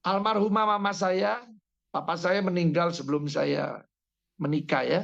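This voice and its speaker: A man's voice: high-pitched, steady tone, unhurried, vocal fry, a bit bright. A male pastor preaching a sermon, telling stories and speaking directly to his congregation. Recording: dull lo-fi sermon recording.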